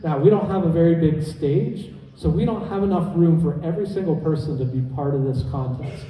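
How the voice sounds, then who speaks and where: Male stage hypnotist emcee, soft-edged tone, instructing and repeating himself, heard distantly in a reverberant hall. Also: a little high, a little fast. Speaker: comedy hypnotist and show host. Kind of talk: live stage show emceeing to an audience. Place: indoor conference hall stage. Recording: echoey hall PA, heard from far off.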